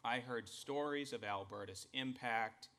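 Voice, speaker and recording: A man's voice: medium pitch, sharp tone. A man with a Boston accent delivering a formal, earnest address to college staff as its president. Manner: measured, emphatic, earnest.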